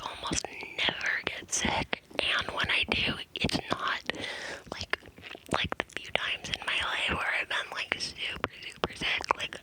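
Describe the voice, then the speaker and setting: A person whispering breathily into cupped hands close to the mic, in a casual, rambling ASMR style with hesitant asides. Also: poor audio. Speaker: ASMR creator. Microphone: close ear-to-ear microphone.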